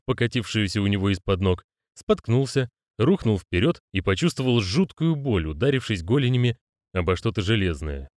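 Male audiobook narrator, low voice, lively intonation, dry close studio sound. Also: no room sound. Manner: measured storytelling, voices characters. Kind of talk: scripted narration.

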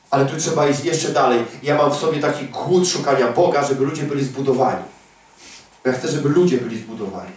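A man preaching a fervent, emphatic sermon, swinging from hushed asides to near-shouts. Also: medium pitch, slight background noise. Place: church prayer hall. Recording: very echoey hall, from a distance.

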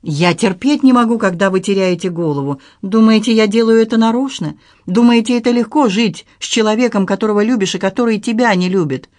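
A man's voice: sits high, animated, a little fast, no room sound, clean studio sound. A reader voicing a grown man who answers a crying lover with terse, exasperated replies.

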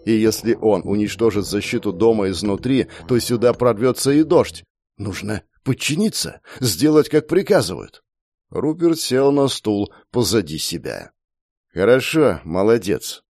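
Man narrating a dark story. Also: on the low side, animated, moderate pace, no room sound. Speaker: audiobook narrator. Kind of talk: scripted narration. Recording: dry close mic, faint music.

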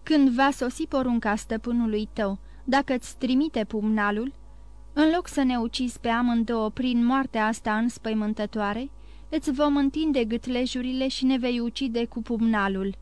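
Brief: woman reading an audiobook mother, dignified, grave, light higher tone. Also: a little mellow, smooth, lightly acted. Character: frightened but dignified mother.

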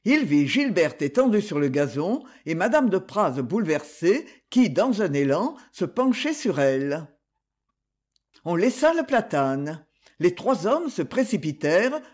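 A reader narrating a classic French novel in an expressive literary manner. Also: mid-range voice. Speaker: audiobook reader.

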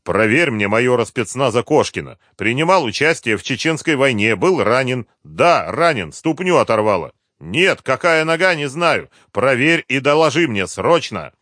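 A man's voice: mid-range voice, sing-song, moderate pace, few pauses, fairly bright tone, dry recording, clean studio sound, pitched above the performer's own voice. A man doing a menacing, blunt colonel. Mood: commanding. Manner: threatening, blunt, commanding. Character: menacing hard-nosed male colonel. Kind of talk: audiobook character voice.

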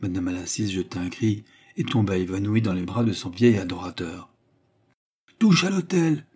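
A man narrating a classic novel in a measured, literary storytelling manner. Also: deep voice, fairly even intonation, dark tone, husky. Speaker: audiobook narrator. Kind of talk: scripted narration.

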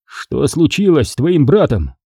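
A man's voice: fairly high pitch, very animated, a little slow, warm tone, breathy edge, no echo, voice pushed up, exaggerated voice. A man voicing a wry, weary adventurer in an audiobook, dry and tired in manner. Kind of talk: audiobook character voice.

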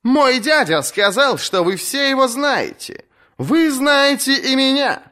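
A man's voice: very high-pitched, big pitch swings, takes it slowly, bright, forceful tone, voice pushed up, heavily acted. A man voicing a fierce young female sea captain who taunts her rivals, in an audiobook reading. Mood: defiant mocking. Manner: mocking, taunting, commanding.

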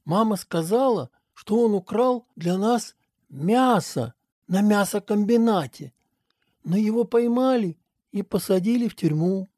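A woman's voice: mid-range voice, a little slow, no room sound, clean studio sound. Woman reading a story aloud. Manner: expressive reading with acted voices. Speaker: narrator. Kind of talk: storytelling narration.

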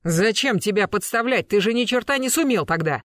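A reader voicing a furious young male ex-soldier who screams his accusations at a high, strained pitch. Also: lively intonation, a little fast, a bit bright, no echo, studio quality, natural voice. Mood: scornful.

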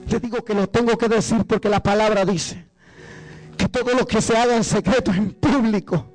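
Man, guest preacher, evangelical sermon, very high voice, faint music underneath. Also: fairly even intonation, normal speed, rough recording. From Guatemala. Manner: rises to fervent, high-pitched preaching.

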